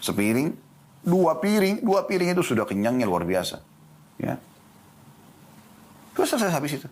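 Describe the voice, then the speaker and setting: A man's voice: a little high, normal speed. A man giving an Islamic lecture in a studio, asking his listeners questions and answering them himself. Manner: lively, rhetorical questions to the audience. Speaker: Islamic preacher.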